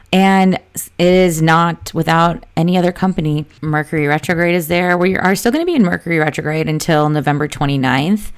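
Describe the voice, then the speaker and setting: Low-voiced woman with vocal fry. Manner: chatty, loose and informal, with frequent fillers and asides. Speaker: astrologer and podcast host. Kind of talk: casual solo podcast talk. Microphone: close podcast mic.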